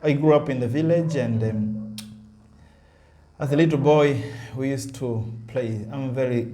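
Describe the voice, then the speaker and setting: A man with a soft, dark voice speaks unhurriedly in an interview chat. He often pauses mid-sentence to find the right words. A faint hiss sits under the recording. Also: mid-range voice. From Tanzania.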